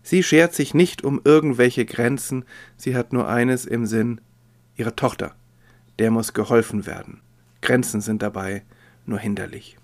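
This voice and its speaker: A man preaching a sermon in a measured, expressive reading voice. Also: mid-range voice.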